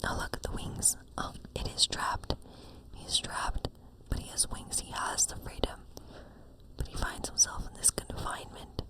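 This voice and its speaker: The audio quality is poor in this unhurried ASMR clip, where a woman whispers softly and breathily as a friendly witch. She rambles through a tarot reading in an informal, encouraging manner.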